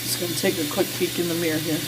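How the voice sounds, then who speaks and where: A skincare vlogger in her early forties, in a small home bathroom, chats casually through her routine in a folksy way packed with fillers. Her lowish voice races along with little pitch movement. The close built-in camera mic picks up heavy background noise.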